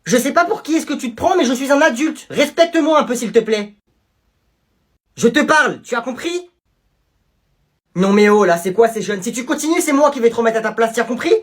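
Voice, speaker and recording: A man's voice: very high-pitched, expressive, brisk, pitched above the performer's own voice. A young man voicing a strict adult woman who scolds a rude pupil in an indignant, lecturing way. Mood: scolding.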